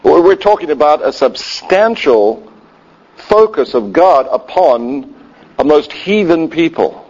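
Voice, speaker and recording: A man's voice: on the high side, lively intonation, takes it slowly, a little mellow. A man preaching a sermon in a conversational way with wry asides. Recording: dull lo-fi sound.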